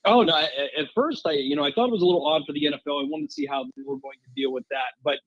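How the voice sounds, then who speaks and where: A man chatting as a sports talk guest, his voice husky and a bit high, with lively swings in pitch. The line sounds dull and dry, like a remote call. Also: rapid-fire, no room sound. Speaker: guest co-host.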